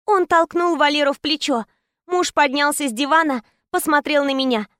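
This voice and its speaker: A woman's voice: sits high, moderate pace, a bit bright, no room sound, clean studio sound. A woman narrating a tense first-person story as an audiobook reader.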